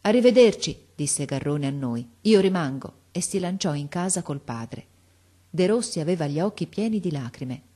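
Lower-voiced woman narrator, steady expressive audiobook reading. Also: normal speed, breathy edge.

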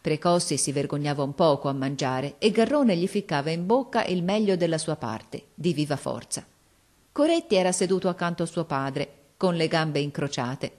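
Low-voiced woman reading a story aloud. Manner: measured, expressive reading. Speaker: audiobook reader. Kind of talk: scripted narration.

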